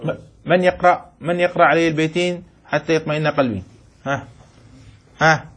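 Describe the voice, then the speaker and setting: High-pitched husky guy teaching a class, keeps asking students if they get it, chants verses slowly so they can write. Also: fairly even intonation, a bit bright. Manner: asks the class questions and repeats points; chants rhyming lines slowly for dictation. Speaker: teacher of Islamic jurisprudence. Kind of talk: classroom lesson with dictation.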